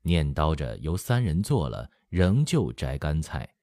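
A man's voice: extremely low pitch, unhurried, no echo. A man narrating a historical novel as an audiobook, telling the story expressively. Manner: expressive storytelling, acts out quoted lines. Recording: dry close studio sound.

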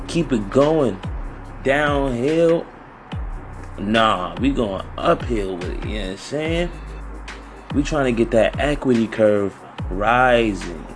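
A man who sounds high, hosting a casual podcast alone in a rambling, repetitive, slangy stoner manner. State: high on weed. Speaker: podcast host.

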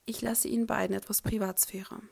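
A woman voicing an older female teacher, stern but soft and almost sad. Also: mid-range voice, level tone, a little fast, gravelly. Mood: gentle.

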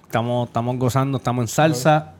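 A man's voice: medium pitch, fairly even intonation, quick pace, darkish tone. A Puerto Rican man co-hosting a podcast, cracking jokes and swearing. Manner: wisecracking, swearing. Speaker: podcast co-host. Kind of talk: casual banter. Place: podcast studio.

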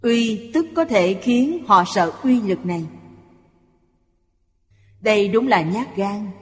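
A speaker reading a Buddhist sutra commentary aloud in a measured, explanatory way. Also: medium pitch, faint music behind. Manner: slow, even, explanatory delivery. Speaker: reader of a Buddhist lecture. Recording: long hall reverb.

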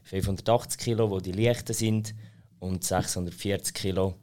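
A man with a Swiss German accent giving matter-of-fact, somewhat halting explanations as an interview guest. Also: low-pitched, steady tone, a little mellow. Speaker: sports association president, interview guest.

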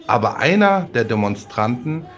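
A man narrating a report as a scripted voice-over, in a measured reporting manner. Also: mid-range voice, very animated, fairly bright tone.

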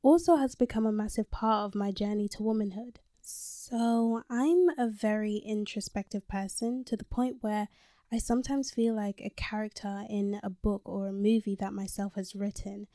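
The speaker, a nineteen-year-old woman from London with some American tone, hosts a solo podcast where she chats casually, candidly and with plenty of swearing. She uses a handheld mic in a small closet. Her mid-range voice has a dark tone and fairly even intonation at normal speed, recorded dry and studio-clean.

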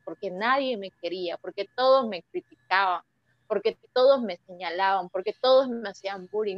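A woman's voice: mid-range voice, no echo. A young woman tells her own story as an interview guest, hesitating and restarting as she searches for words. Her voice comes through dull and lo-fi, in a dry space with no room sound. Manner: emotional, halting, many restarts. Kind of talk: personal testimony.

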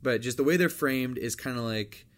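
A man's voice: medium pitch, normal speed. A young man co-hosting a podcast in casual chat, rambling and restarting his sentences as he reads from a list. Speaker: podcast co-host.

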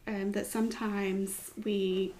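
A woman's voice: mid-range voice, flat delivery, takes it slowly. Encouraging woman in a devotional chat. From United States. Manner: warm, encouraging, affirming. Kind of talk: casual devotional discussion.

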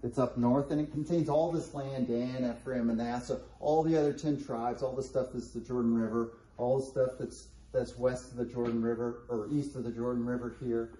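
A man leads a relaxed Bible lesson, walking listeners through a map with plenty of ums and false starts. His voice is husky and a little breathy. The tone sits dark and mellow throughout. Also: medium pitch, normal speed, hardly any pauses. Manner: conversational, with frequent fillers and restarts; points out places on a map while explaining. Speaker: Bible teacher. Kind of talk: casual Bible study teaching.

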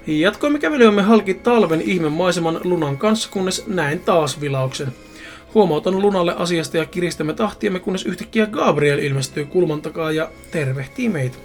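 A man's voice: high-pitched, animated, soft background music. A man narrating a first-person story in a casual way, speaking straight to the reader. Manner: casual, addresses the reader directly.

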